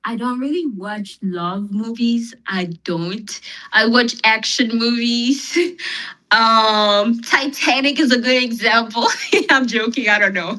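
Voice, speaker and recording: Woman guest, South African accent, bright and forceful, loose filler-heavy explainer. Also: fairly high pitch, slow, poor audio. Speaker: podcast guest. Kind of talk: casual explanatory chat.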